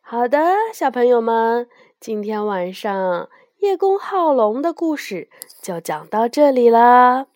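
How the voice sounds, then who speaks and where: A woman telling a bedtime story to children in a slow, expressive way. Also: fairly high pitch, no echo.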